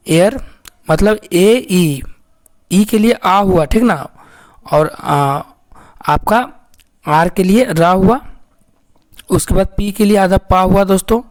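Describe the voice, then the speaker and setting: A man teaching English pronunciation, slowly spelling out words letter by letter, often repeating himself and calling his viewers friends. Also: high voice, darkish tone. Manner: slow, repetitive, keeps addressing viewers as friends.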